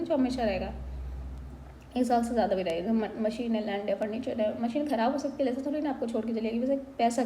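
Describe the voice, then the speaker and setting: A woman's voice: on the high side, mellow, roomy sound, slight background noise, rough recording. A woman teaching a lesson on basic accounting terms, walking through each one and mixing English phrases into her explanations. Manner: explanatory, slips between Hindi and English.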